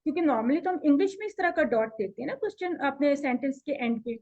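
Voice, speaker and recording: A woman teaching an Arabic class online, explaining patiently and drilling pronunciation slowly. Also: high voice, expressive. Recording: dull lo-fi audio.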